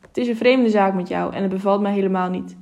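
A woman's voice: medium pitch, quick pace, a little mellow, close to an everyday voice. A careful, worried scribe of a town hall, as a woman reading a storybook voices him. He talks plainly and cautiously. It stays close to the reader's own voice.

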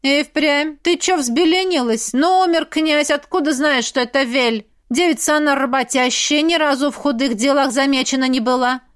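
A blunt village tanner woman speaks up loudly in a plain, rustic manner, as a woman narrator puts her on. Her voice sits raised and forceful. It sounds like a storybook reading. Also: sits high, moderate pace, few pauses, voice pushed up, close to an everyday voice. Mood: defiant.

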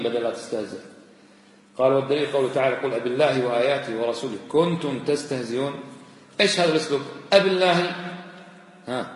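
A middle-aged man giving a sermon-style lesson on creed. He admonishes his listeners with direct questions and recites verses in a raised, chanting voice. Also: mid-range voice. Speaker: sheikh teaching a creed text. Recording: echoey hall.

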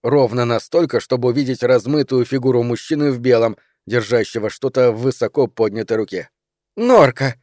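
A man's voice: mid-range voice, steady tone, brisk, hardly any pauses, dark tone, dry recording, studio quality. Man reading an audiobook. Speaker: narrator.

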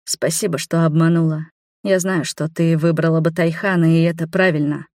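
A woman voicing a gentle young man who speaks calmly, softly and slowly. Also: deep voice, no room sound, clean studio sound, natural voice. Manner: calm, soft and slow. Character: calm gentle man, shapeshifter lover.

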